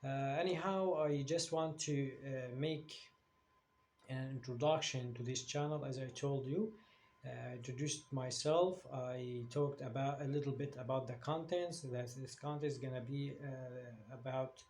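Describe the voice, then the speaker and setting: A man's voice: mid-range voice, fairly even intonation, unhurried, a little mellow. A man from Syria, an English teacher, introducing his new channel in English as a second language, with frequent fillers and restarts. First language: Arabic. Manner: hesitant, many fillers and restarts. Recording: faint background noise.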